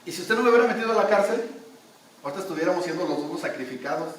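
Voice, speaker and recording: Calm faithful servant guy , preacher doing him, soothing, lots of room echo. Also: high-pitched, racing. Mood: explaining. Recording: echoey church hall, distant mic.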